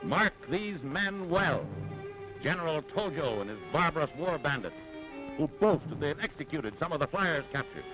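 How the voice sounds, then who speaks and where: A man's voice: on the high side, lively intonation, moderate pace, music in the background, rough recording. A man narrating an old 1940s newsreel with an emphatic, dramatic announcer delivery.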